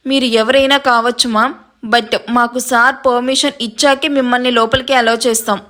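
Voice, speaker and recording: A woman's voice: a little high, fairly even intonation, moderate pace, pushed and bright. A woman reading the lines of a junior doctor who politely but firmly refuses entry in a storybook. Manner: polite, firm.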